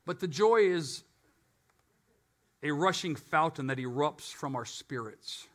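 A man preaches a live sermon in church, his voice sitting high and sounding bright and forceful. He swings from loud, emphatic lines to quiet, low stretches. He drops joking asides along the way. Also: animated, slow pace. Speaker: pastor.

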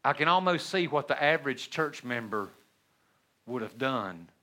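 A middle-aged man preaching a sermon in a church, folksy and humorous, swinging between loud bursts and hushed asides. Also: medium pitch, animated, moderate pace. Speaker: pastor. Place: church sanctuary.

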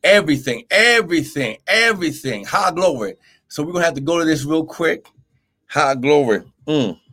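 A man's voice: fairly high pitch, lively intonation, normal speed, fairly bright tone. A man preaching an impassioned live-streamed Bible sermon, exhorting emphatically with repeated phrases and drawing out scripture for weight.

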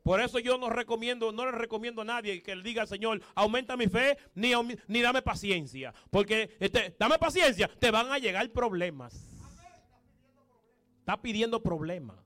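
A man's voice: high-pitched, moderate pace, pushed and bright. A male preacher gives an emphatic, repetitive sermon full of punchy exclamations.

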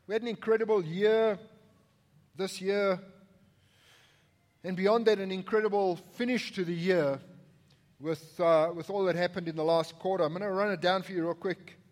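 High-voiced male pastor in a reverberant hall. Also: fairly even intonation, normal speed, long pauses. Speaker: church pastor preaching. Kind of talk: conversational sermon. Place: large indoor church room. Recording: echoey hall with long reverb.

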